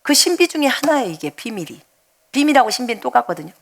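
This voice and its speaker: A middle-aged woman missionary preaching a sermon, telling a personal testimony with emotional outbursts and hushed asides. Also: a little high, sing-song, fast, vocal fry. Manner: emotional storytelling, shifts between loud outbursts and hushed asides.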